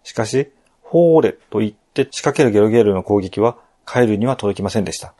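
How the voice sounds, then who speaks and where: A man calmly narrating a game walkthrough in polite speech, adding his own asides. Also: lowish voice, fast talker.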